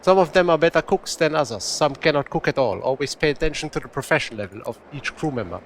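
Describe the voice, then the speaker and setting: A man putting on a brisk woman commander with a mock Eastern European accent. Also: fairly high pitch, animated, a little hiss or hum. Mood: instructing. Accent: put-on Russian or Polish.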